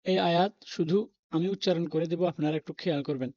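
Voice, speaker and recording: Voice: medium pitch, steady tone, fairly quick, mellow, no room sound. A patient teacher spelling out Arabic letters and vowel marks one by one in a Quran reading lesson, reassuring learners that it is not hard. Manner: reassuring, talks the learner out of worry. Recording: dull, lo-fi recording.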